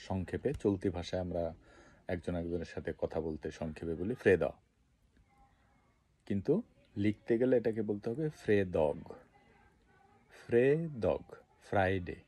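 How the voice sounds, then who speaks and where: A man giving a casual language lesson, repeating each word slowly for pronunciation practice. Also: low voice, warm tone, slightly rough. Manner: slow, repeats words for pronunciation drill. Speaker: language teacher.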